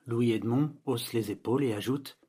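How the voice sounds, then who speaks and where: A man reads a novel aloud in a steady, measured storytelling voice. His tone is slightly husky, set in a middle register that is neither high nor low. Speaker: narrator. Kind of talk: audiobook narration.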